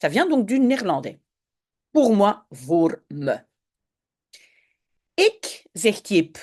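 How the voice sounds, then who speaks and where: A woman's voice: medium pitch, very animated, takes it slowly, darkish tone. A woman with a Belgian French accent, a language teacher patiently explaining a Dutch reading step by step to French speakers.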